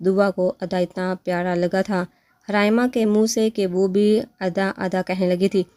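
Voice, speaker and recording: A woman's voice: medium pitch, little pitch movement, dark tone, no room sound. Woman narrating an audio novel, dry and close.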